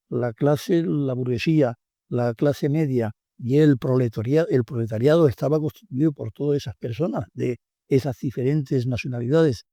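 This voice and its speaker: Interviewed in a radio studio with no echo, an older man from Tangier, Morocco, who writes books speaks with a Tangier Spanish accent. His mid-range voice has a dark tone, and he comes across as reflective and hesitant, using plenty of fillers.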